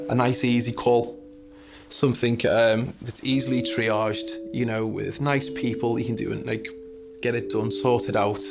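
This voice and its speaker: A man's voice: mid-range voice, vocal fry. A man working as an ambulance call handler, talking bluntly and wryly about his job in a documentary interview. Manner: blunt, wry and matter-of-fact. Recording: music bed under voice. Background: music.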